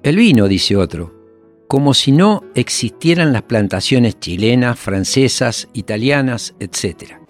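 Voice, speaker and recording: A man's voice: medium pitch, animated. Man narrating a documentary. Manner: measured, reflective, rhetorical questions. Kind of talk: scripted narration. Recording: faint music underneath.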